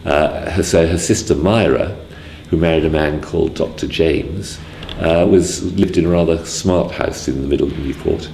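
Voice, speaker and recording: Deep gravelly older guy from wales, lots of ums, roomy sound. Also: fairly even intonation, normal speed, hardly any pauses, dark tone, slight background noise. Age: 60s. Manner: hesitant, full of ums and restarts. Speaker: interviewee. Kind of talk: casual spoken memoir.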